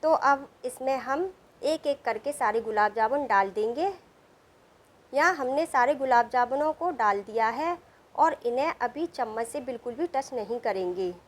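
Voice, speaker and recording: A woman narrating a cooking recipe step by step in a calm, steady instructional voice-over. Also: a little high, normal speed. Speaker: cooking channel host.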